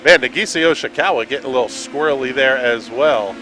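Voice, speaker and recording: A man calling play-by-play for an online racing broadcast, brisk and steady, rising sharply when trouble hits the track. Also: mid-range voice, noisy background. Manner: brisk, builds to shouts at incidents. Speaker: play-by-play commentator. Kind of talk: sim racing play-by-play commentary.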